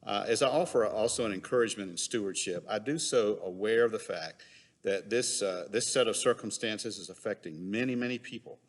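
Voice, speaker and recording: A man speaking as a pastor, giving a measured, halting update to his congregation with deliberate phrasing, his voice carrying a hallway echo in a large empty sanctuary. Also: on the low side.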